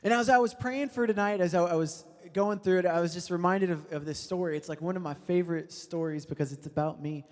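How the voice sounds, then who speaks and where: A man's voice: high-pitched, a little fast, few pauses, darkish tone. A young man in his twenties gives a casual, joking storytelling sermon full of fillers. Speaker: speaker at a youth prayer service. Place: church hall. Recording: long reverb of a hall.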